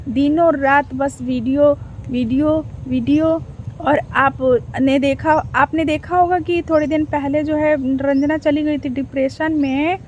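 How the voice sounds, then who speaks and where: A woman's voice: high-pitched, darkish tone, lo-fi sound, slight background noise. A woman reaction vlogger, chatting casually to her viewers, full of rhetorical questions and repeated phrases.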